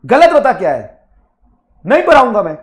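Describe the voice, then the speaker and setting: A man teaching physics who keeps breaking off to scold his students, sarcastic and blunt, with sudden loud outbursts. His voice sits high and swings wildly up and down as he lectures. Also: huge pitch swings, normal speed. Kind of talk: scolding a class while teaching.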